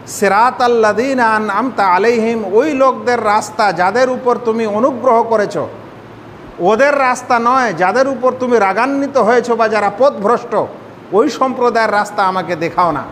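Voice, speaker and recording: Teaching prayer one step at a time, a man who is an Islamic scholar asks his audience rhetorical questions in a sermon-like lesson. He talks at a moderate pace in a fairly bright tone, with hall reverb and a faint rumble in the background.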